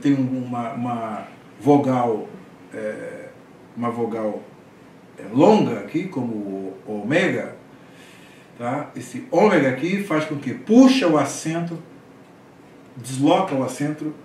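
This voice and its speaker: A man's voice: mid-range voice, darkish tone, slight background noise. A man teaching a class, explaining step by step and often checking in with the students. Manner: explanatory, frequent "tá?" checks, hesitant restarts. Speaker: Greek teacher. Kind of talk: classroom lecture. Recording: echoey room, voice from far off.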